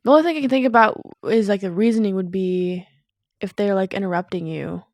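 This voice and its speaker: A woman's voice: mid-range voice, a little fast, no echo, studio quality. Laid-back young woman, casual podcast chat. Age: young adult. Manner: laid-back, giggly storyteller. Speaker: podcast co-host, daughter.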